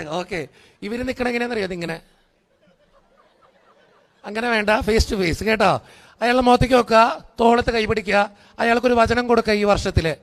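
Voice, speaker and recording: A man, a priest preaching at a convention, teasing the crowd and leading them in call-and-response. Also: high voice. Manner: teasing, joking with the crowd, repeating commands. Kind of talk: lively sermon with congregation call-and-response.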